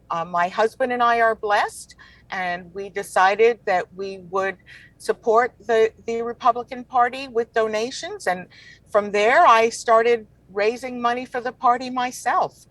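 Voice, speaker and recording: A woman born in Cuba, a political candidate answering interview questions in an earnest, measured way. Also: mid-range voice, fairly bright tone, dry recording, poor audio.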